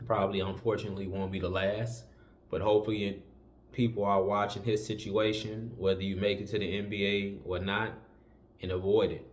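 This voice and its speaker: A man's voice: lowish voice, little pitch movement, brisk. A man, hosting a casual opinion commentary and giving warnings in a loose, filler-heavy way. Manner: preachy, conversational, repeats warnings with many fillers. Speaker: commentary channel host.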